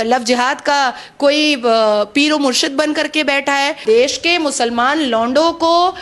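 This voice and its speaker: Woman commentator, high pitch, pointed and questioning delivery. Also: a bit bright.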